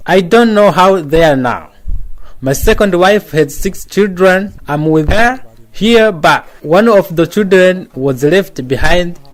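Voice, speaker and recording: A man reading a translated testimony as a voice-over, quiet and plain. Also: high voice. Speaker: voice-over interpreter.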